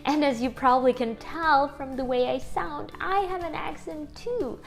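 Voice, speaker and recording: A YouTuber with a strong Ukrainian accent chats casually to the camera from her home kitchen, upbeat and laughing often with her viewers. Her voice is high and creaky at a moderate pace, with faint music in the background.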